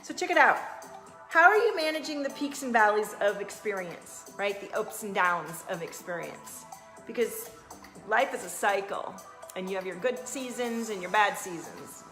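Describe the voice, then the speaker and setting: A woman's voice: medium pitch, animated, normal speed, fairly bright tone, echoey room, soft background music. A woman talking casually on a live stream as a life coach and energy reader, giving upbeat, motivational advice in a chatty way.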